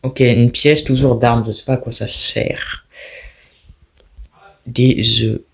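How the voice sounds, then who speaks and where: A man's voice: mid-range voice, level tone, takes it slowly, creaky, fairly bright tone, slightly rough. A young man giving casual let's-play commentary on a horror game, talking to himself and his viewers in a jumpy, restless way. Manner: jumpy, talks to himself and viewers while playing. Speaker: gaming YouTuber.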